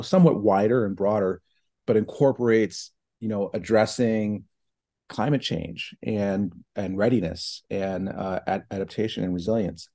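A middle-aged man speaks over a laptop video call from a home office, his voice low and mellow. He talks in a relaxed, thoughtful way, pausing with fillers and circling back to restart his phrases. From New Hampshire and Ohio, United States. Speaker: guest, foundation president. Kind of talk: casual online interview.

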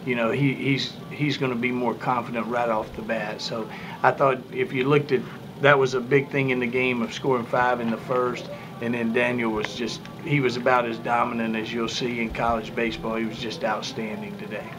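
A middle-aged man, a head baseball coach, answering questions at a postgame press conference in a measured way with many fillers. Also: mid-range voice, flat delivery, over music, poor audio. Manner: measured, thinking aloud with fillers. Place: press room before a sponsor backdrop.

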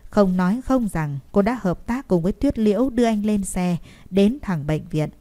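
Mellow-voiced woman narrating a romance. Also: medium pitch, lively intonation. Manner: emotive, measured storytelling. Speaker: audiobook narrator. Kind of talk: expressive audiobook narration.

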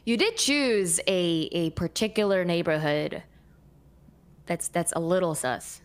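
Woman, slightly low voice, casual Q&A co-host, upbeat, curious. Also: unhurried. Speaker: co-host reading viewer questions. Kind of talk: casual Q&A chat.

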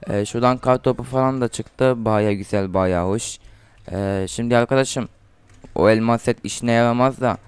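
A teenage boy from Turkey talks his viewers through a game, trash-talking opponents and getting loud and excited in fights. His voice is very clear and sits in a middle range. The sound is dry and close, from a desk mic at his computer. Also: medium pitch, moderate pace, no room sound. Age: teens. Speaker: gaming YouTuber. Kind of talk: casual gameplay commentary.

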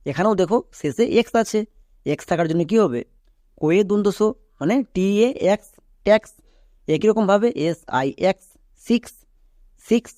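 A man teaching English pronunciation, explaining rules step by step and checking with quick questions. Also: high-pitched, mellow, no room sound, clean studio sound. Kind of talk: explanatory lesson, addressing viewers directly.

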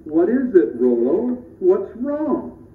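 A man playing a kindly, reassuring old Santa Claus in a children's puppet show, measured and fatherly. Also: high-pitched, huge pitch swings, full character voice. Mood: concerned. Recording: noisy, roomy, distant, muffled phone-like audio.

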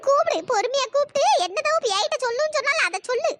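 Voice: very high-pitched, animated, rapid-fire, very noisy. An actress voicing a bossy, scolding village auntie in a cartoon. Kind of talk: cartoon voice acting.

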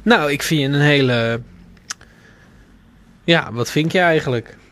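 A man's voice: fairly high pitch, a little slow, fairly bright tone, slight background noise. A man hosting a late-night radio show, taking calls in a playful, teasing way and stumbling over his words.

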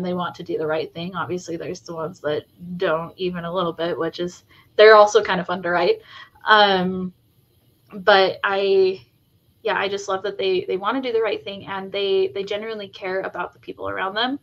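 A woman's voice: on the low side, fairly bright tone, muffled recording. Chatty woman author with frequent ums. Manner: chatty, many ums and likes, enthusiastic. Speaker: guest fantasy author. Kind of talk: casual interview chat.

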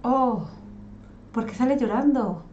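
A woman's voice: on the high side, takes it slowly, dull audio. Gushing young woman reacting. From Spain. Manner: gushing, excitable, repeats herself. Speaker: dance-cover group member. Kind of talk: music video reaction. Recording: faint music behind the voice.

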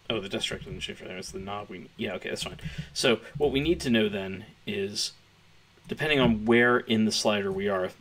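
A man with a hoarse, gravelly voice, thinking aloud as he walks through a coding tutorial. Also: fairly low pitch, fairly bright tone, slight background noise. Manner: thinking aloud while typing, chatty. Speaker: programmer streaming a coding tutorial. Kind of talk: casual live-coding walkthrough. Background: keyboard typing.

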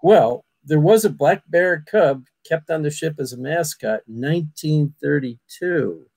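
A man's voice: a little high, measured pace, vocal fry, darkish tone, no room sound. A man, a paranormal investigator, telling a long story in a casual, rambling way, repeating words and calling listeners "people". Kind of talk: casual storytelling on a video call.

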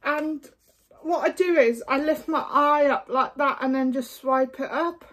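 High-voiced chatty woman, going hoarse. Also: steady tone, measured pace, a bit bright. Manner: chatty and frank, with many fillers. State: losing her voice. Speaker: beauty vlogger. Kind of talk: casual makeup tutorial chat.

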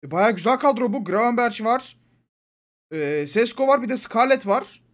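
A young man giving casual, excitable commentary over a football video game, pleading with the coach and yelling at the referee. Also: extremely high pitch, normal speed. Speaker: gaming YouTuber. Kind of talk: live gameplay commentary.

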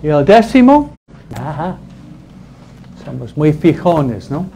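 In poor audio with a little hiss or hum, a male priest explains the commandments to a congregation in a relaxed, funny manner, laughing at his own jokes and tagging almost every phrase with "¿no?". He speaks slowly in a high-ish, sing-song voice that is creaky and dark.

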